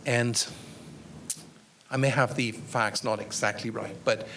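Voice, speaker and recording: A man's voice: mid-range voice, fairly even intonation, slow pace, sharp tone, a little hiss or hum. Man lecturing, thoughtful and hesitant. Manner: thoughtful, hesitant with fillers and restarts. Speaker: guest lecturer. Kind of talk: lecture Q&A answer. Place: lecture room.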